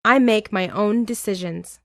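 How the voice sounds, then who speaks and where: A woman reading an English lesson aloud, with clear, deliberate drill phrases and an American accent. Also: mid-range voice, dry recording, clean studio sound. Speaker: English teacher. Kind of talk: slow scripted lesson reading.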